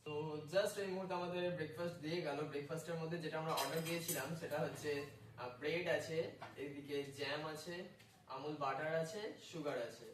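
Chatty male travel vlogger, slightly high. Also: fairly even intonation, fast talker, roomy sound, slight background noise. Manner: chatty, addresses viewers as friends, mixes in English words. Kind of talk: casual travel vlog to camera.

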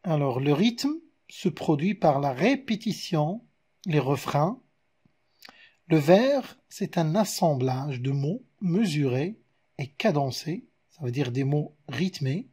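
A man's voice: on the high side, sing-song, mellow, breathy edge. A man with a Moroccan French accent teaching a video lesson, explaining step by step and counting syllables aloud. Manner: slow, explains step by step with examples. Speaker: literature teacher.

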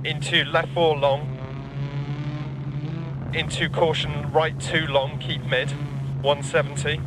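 Over very loud car engine noise, a focused male co-driver in a rally game. His slightly raised voice delivers rapid pace notes as terse, clipped instructions, with short gaps between the calls. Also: a little high, little pitch movement. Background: racing car engine and road noise.

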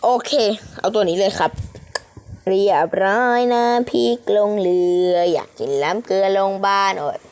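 A young woman giving playful, animated commentary while playing a mobile game, often squealing with excitement. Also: medium pitch, normal speed. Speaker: gaming streamer.

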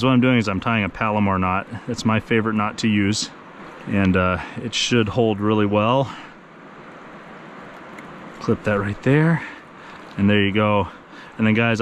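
A man's voice: medium pitch, a bit bright. A chatty man in his thirties talks straight to his viewers while fishing, upbeat and friendly, calling them guys. He records on an action camera held at arm's length outdoors by a river, with a faint wash of outdoor noise underneath. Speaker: fishing vlogger. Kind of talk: casual vlog narration to camera. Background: rushing river water.

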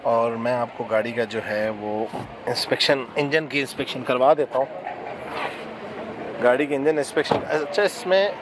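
A man's voice: medium pitch, normal speed, noisy background. A man vlogging outdoors at a car market, chatting casually as he shows used cars to viewers. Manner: chatty, salesman-like, talks buyers through cars. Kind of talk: casual walkaround vlog.

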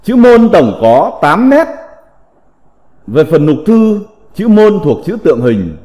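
A man teaching a slow recited vocabulary lesson, reading in a deliberate, measured way with drawn-out syllables. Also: sits high, sing-song, warm tone. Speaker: teacher of classical characters. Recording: long reverb.

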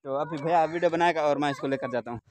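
A young Pakistani man with a fairly high voice talks at a racing pace to a handheld camera held at arm's length. He's outdoors in a sunny farm village, chatting casually to his viewers and repeating stock vlog phrases while he works.

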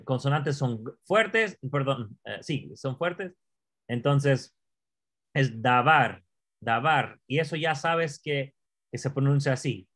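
Man, tutor, slow, fairly high voice, repeats words, asks questions. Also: fairly bright tone. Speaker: Hebrew teacher. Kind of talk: patient classroom explanation.

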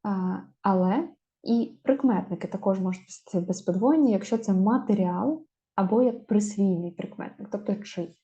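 Dark-voiced woman teaching spelling. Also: mid-range voice. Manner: slow, drawn-out stressing of example words. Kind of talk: spelling lesson. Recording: dull lo-fi sound.

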